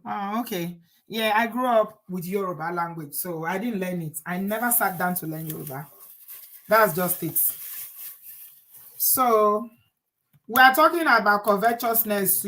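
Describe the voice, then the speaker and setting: With a medium-pitched, sharp-toned voice, this middle-aged Nigerian woman from Edo State runs a casual live chat. She reads viewers' comments aloud, throws out rhetorical questions, and chuckles at the subject in a talkative way.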